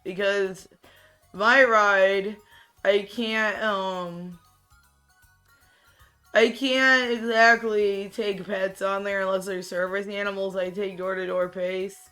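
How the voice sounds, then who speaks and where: A streamer's casual in-game chatter comes out slow, raspy and monotone, with a tired, mellow feel. He tends to ramble and restart his sentences, and soft background music can be heard.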